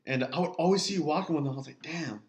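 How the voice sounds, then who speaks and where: A nineteen-year-old man from California co-hosting a casual podcast chat, relaxed and slangy as he tells stories. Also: fairly high pitch, racing. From California, USA. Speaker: podcast co-host.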